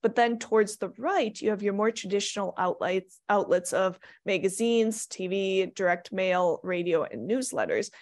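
A woman's voice: medium pitch, normal speed, hardly any pauses. A woman from Minnesota giving a practical slide lecture as an extension economist, plainspoken with light asides, speaking into a computer mic. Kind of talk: recorded slide presentation.

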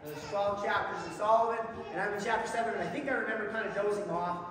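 A man's voice: high-pitched, quick pace, a crowd in the background. A middle-aged man giving a folksy, self-deprecating sermon, repeating words as he goes, from a church hall. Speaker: lay preacher. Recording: echoey hall, voice from far off, noisy.

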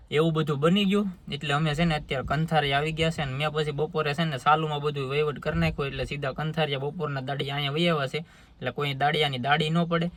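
A man's voice: fairly high pitch, little pitch movement, fast, fairly bright tone. A man, vlogging earnestly to his phone outdoors on a farm. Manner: earnest, talks in a homely village way. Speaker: farmer vlogger. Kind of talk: casual vlog talk to camera. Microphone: phone held by the speaker.

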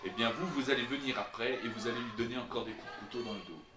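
A man's voice: mid-range voice, fast. A middle-aged man questioning a witness and methodically restating answers, caught on a hidden mic. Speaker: investigator interviewing a witness. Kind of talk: witness interview, recapping and questioning. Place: small office meeting room, indoors. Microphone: hidden camera microphone, far from speakers. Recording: hidden mic, distant, echoey, very noisy.

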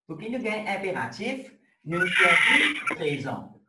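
A man's voice: high-pitched, very animated, slow. A man from Mauritius, teaching an online class and stopping often to check that students follow. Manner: explains step by step, keeps checking students follow. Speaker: Arabic teacher. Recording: roomy, distant with faint noise.

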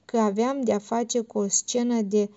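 A woman narrating literary fiction in a measured, steady audiobook reading, on a dull lo-fi recording. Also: a little high. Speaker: audiobook reader.

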